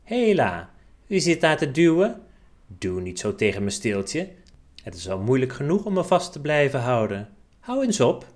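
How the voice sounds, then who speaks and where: A man voicing a vain, proud little male autumn leaf in a children's storybook, talking in a shrill, fretful, self-admiring way. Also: sing-song, moderate pace, natural voice. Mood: indignant.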